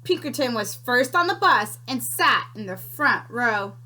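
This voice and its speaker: A woman teacher reading a children's book aloud, slow and expressive, stopping to ask questions. Her voice is high and bright and moves around a lot. She sounds like she is reading to a class.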